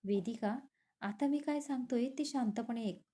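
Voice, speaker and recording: A woman voicing a blunt, impatient young man in a storybook romance, in her own mellow voice. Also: on the high side, moderate pace, natural voice.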